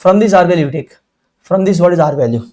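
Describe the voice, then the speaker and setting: A man's voice: high-pitched, animated, rapid-fire, darkish tone. A man with a Tamil Indian accent teaching an exam-prep maths lesson, constantly throwing out questions and checking that students follow. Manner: repeatedly questioning, checking understanding.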